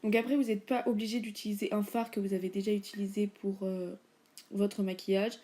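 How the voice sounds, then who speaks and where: A woman's voice: medium pitch, flat delivery, a little fast, warm tone. A young woman chatting casually through a makeup tutorial, with many fillers and informal slang. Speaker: beauty vlogger.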